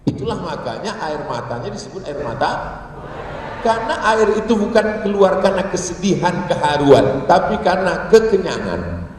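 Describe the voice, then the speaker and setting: Preacher man in a booming echoey hall. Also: moderate pace, slight background noise. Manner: lively storytelling that acts out voices and chants in Arabic. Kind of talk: sermon to a live congregation. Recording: distant mic in a reverberant hall.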